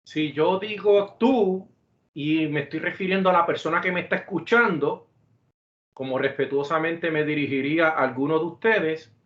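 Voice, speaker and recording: A man with a fairly high voice gives a virtual math lecture, explaining patiently and repeating examples. He talks in a steady, deliberate way and restates points as he goes. The recording sounds roomy and somewhat muffled. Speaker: math teacher.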